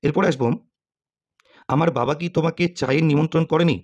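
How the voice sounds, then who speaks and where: A man's voice: fairly high pitch, fast talker, darkish tone, lo-fi sound. A man teaching English grammar to students, asking questions and answering them himself, with frequent "okay?" check-ins.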